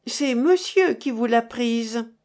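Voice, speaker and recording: A woman reading aloud, voicing a smug gentleman who backs up his friend. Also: on the high side, expressive, slow.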